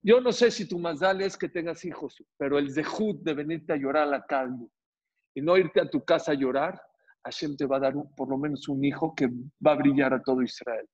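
A man playing an older kabbalist father who speaks gently but firmly to his daughter, in a husky voice on a dull lo-fi recording. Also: fairly high pitch, brisk, natural voice. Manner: gentle but firm and blunt. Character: older kabbalist father, sorrowful yet firm.

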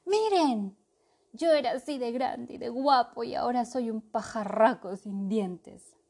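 A woman's voice: a little high, fairly even intonation, a little slow, vocal fry, a little mellow. A woman voicing an indignant male dragon turned into a crow, who whines and shrieks in a storybook reading. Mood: whiny.

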